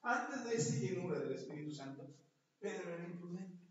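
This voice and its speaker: A man with a Mexican accent preaching a sermon as pastor, a lively storyteller who jokes and acts out the scenes he reads. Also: high-pitched, fairly quick, a little hiss or hum. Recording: very echoey, dull lo-fi podcast audio.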